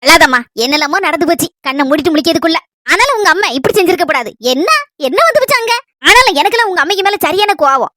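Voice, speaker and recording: A woman acting a village woman in a comedy skit, with a Kanyakumari Tamil accent, who pleads and scolds with animated energy. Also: very high voice, very fast, a little hiss or hum, full character voice. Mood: upset. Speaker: skit actress.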